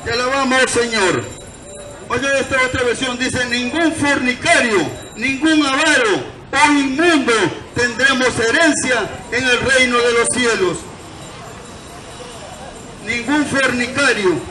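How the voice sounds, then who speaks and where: His voice pushed and bright, a high-pitched Salvadoran preacher gives an open-air sermon on scripture from a gazebo in a public square, speaking in short, deliberate, declamatory phrases. A faraway camera captures it with echo, crowd and traffic noise.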